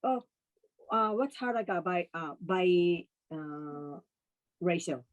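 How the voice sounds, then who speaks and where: Soft-spoken woman guest, hesitant. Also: fairly low pitch, lively intonation, takes it slowly, highs cut off. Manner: short backchannels, hesitant searching for words. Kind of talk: casual discussion.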